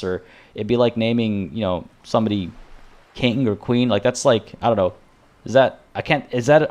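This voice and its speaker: This game streamer talks to viewers in a medium-pitched, darkish voice, his chatter tangential and full of restarts. At one point he says he's losing his voice.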